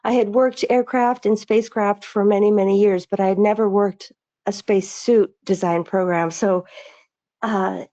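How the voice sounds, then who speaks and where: A middle-aged woman who works as an aerospace engineer speaks earnestly as a webinar panelist, offering reflective remarks over a video call. Her mid-range voice is warm and steady at a normal speed, though she restarts often and uses many fillers. The call audio is lo-fi and slightly dull.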